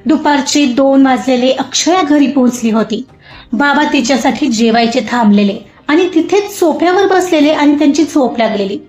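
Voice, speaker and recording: Woman storyteller, calm scripted narration, high voice, echoey muffled room; casting note. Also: moderate pace. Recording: roomy muffled recording, soft music.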